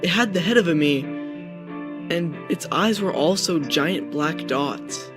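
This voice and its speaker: Over clearly audible guitar music, a young man with a slightly high voice tells a scripted first-person ghost story. His delivery is animated yet unhurried.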